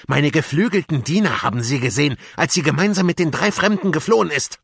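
A man's voice: on the high side, animated, quick pace, vocal fry, a bit bright, breathy edge, no echo, clean studio sound, voice pushed up, heavily acted. A man voicing a sinister old male vizier sorcerer, murmuring and commanding, for a storybook reading. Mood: menacing.

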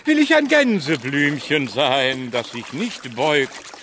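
An actor playing a castaway hermit poet and former thespian, declaiming grandly like a hammy stage actor in a comic audio drama. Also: male voice, medium pitch, wildly swooping pitch, slow pace, background noise.

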